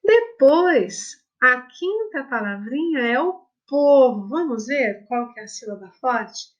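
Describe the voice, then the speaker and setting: A woman with a Brazilian Portuguese accent teaching young pupils at a very slow, patient pace, stretching out words and spelling them letter by letter. Her voice sits somewhat high and sounds affectionate as she calls the children her loves. The audio is dull and lo-fi, like a home video recording. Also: animated. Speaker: primary school teacher. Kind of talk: remote lesson for children.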